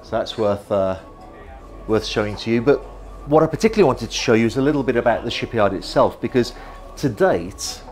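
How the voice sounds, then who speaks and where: A man's voice: mid-range voice, animated, fairly quick, soft background music. A middle-aged man giving an enthusiastic walkthrough tour of a yacht, guiding the viewer as he walks. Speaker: yacht reviewer. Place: outdoors on a yacht deck and inside its saloon at a boat show.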